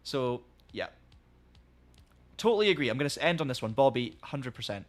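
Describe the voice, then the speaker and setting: A man's voice: mid-range voice, a little fast. Rambling male streamer losing his voice. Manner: rambling, friendly, many restarts. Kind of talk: casual live-stream chat.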